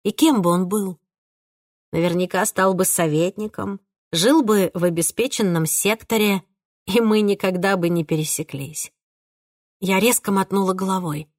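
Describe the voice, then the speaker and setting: A woman giving an emotional, expressive first-person audiobook reading. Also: medium pitch, normal speed, dry recording, clean studio sound. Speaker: audiobook narrator.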